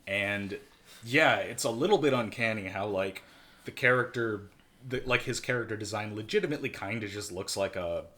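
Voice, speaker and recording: A man's voice: on the low side, moderate pace, pushed and bright. A man co-hosting a casual movie-review podcast, rambling and sarcastic with lots of fillers. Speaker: podcast co-host.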